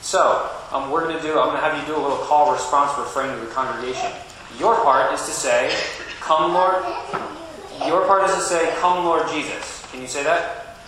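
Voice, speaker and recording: A man's voice: fairly high pitch, fairly quick, distant mic, a crowd in the background. Man leading a children's sermon in an echoey church. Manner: gentle, coaxing, playful with children. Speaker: pastor. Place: church sanctuary. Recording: very echoey church with background noise.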